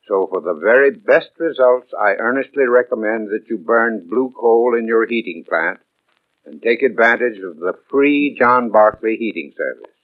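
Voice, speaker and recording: Earnest American man, vintage radio pitchman. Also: moderate pace. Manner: formal, earnest, persuasive. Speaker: radio advertising spokesman. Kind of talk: scripted 1930s radio advertisement. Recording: tinny band-limited vintage radio broadcast.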